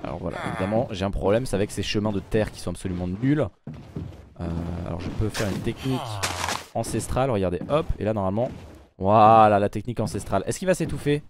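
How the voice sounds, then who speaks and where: This man, a gaming YouTuber, talks fast over background noise while recording a let's play. He addresses both his audience and the in-game characters, drifting between quiet mutters and abrupt loud bursts.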